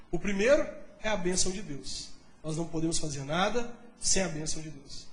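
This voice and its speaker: Male pastor, quick lively sermon storytelling, echoey church hall. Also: sits high. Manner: lively storytelling, addressing the congregation. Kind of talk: sermon testimony.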